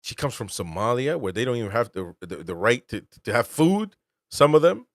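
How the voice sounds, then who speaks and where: A man's voice: mid-range voice, big pitch swings, normal speed, no echo, studio quality. A man from Peru, host and military veteran, giving political commentary with emphatic, incredulous rhetorical questions.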